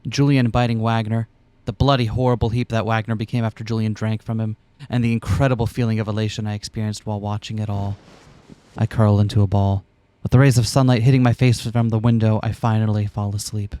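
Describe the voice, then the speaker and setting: A man's voice: lowish voice, flat delivery, quick pace, mellow, clear, resonant tone. A man co-hosting a let's play, switching between casual commentary and reading a visual novel aloud with playful, theatrical asides.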